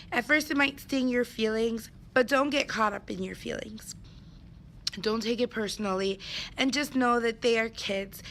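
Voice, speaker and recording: A woman teacher telling a classroom story in an animated vlog, acting out the children's voices. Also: fairly high pitch, a little hiss or hum. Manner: animated, acts out kids' voices.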